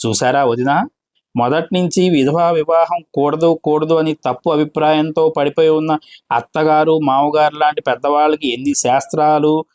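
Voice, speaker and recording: A man's voice: a little high, a little mellow, no echo, muffled recording, lightly acted. A man voicing a boastful, self-important male tutor in a read-aloud play, lecturing in a pompous way.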